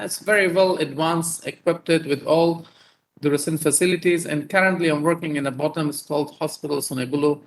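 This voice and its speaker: Halting Afghan-born male surgeon, fairly high voice. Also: rough recording. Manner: halting, many fillers and repeated words. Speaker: neurosurgeon and professor presenting. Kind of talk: conference talk over video call.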